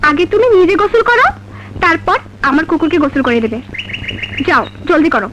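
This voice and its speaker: খুব চড়া গলার দাম্ভিক তরুণী. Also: female voice, very high-pitched, very animated, fairly quick, background noise. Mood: haughty, scolding. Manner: imperious scolding, mixing English commands into Bangla. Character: haughty, bossy young rich woman scolding her servant. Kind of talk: melodramatic Bangla film acting.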